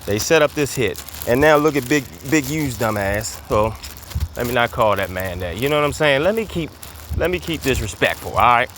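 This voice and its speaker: With a lively intonation and moderate pace, a man's mid-range, slightly bright voice delivers a casual commentary monologue as he walks outdoors. He's slightly winded and speaks loosely and emphatically, leaning on fillers and repetition, over a little hiss or hum.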